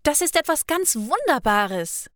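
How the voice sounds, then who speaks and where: A woman's voice: sits high, very animated, measured pace, fairly bright tone, dry recording, clean studio sound, pitched above the performer's own voice, full character voice. A woman doing a gushing sweet young baker.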